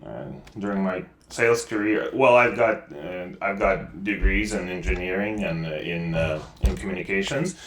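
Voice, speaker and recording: Low-voiced Ukrainian-accented man, hesitant. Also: moderate pace, few pauses, roomy sound. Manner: hesitant, many fillers and restarts. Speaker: guest. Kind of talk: casual interview.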